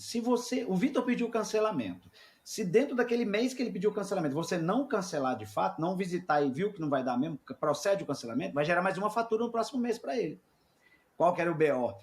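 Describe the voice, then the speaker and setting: A middle-aged man, a sales mentor and podcast guest, telling a work story in lively casual conversation and acting out the people he quotes. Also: fairly high pitch.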